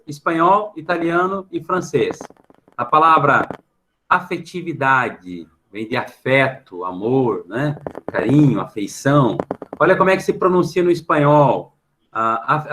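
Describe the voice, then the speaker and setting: Brazilian teacher with a tag-question habit. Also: male voice, fairly high pitch, fairly bright tone, slight background noise, rough recording. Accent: Brazilian Portuguese. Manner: explains patiently, filling pauses with a questioning tag. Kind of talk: online class for middle schoolers. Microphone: computer mic on a video call.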